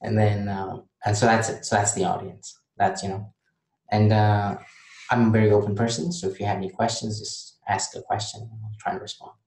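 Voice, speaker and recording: Gravelly rambling man in an echoey room. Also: fairly low pitch, level tone, darkish tone. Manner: rambling and halting, with many restarts. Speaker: vlogger. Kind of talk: late-night casual talk to camera.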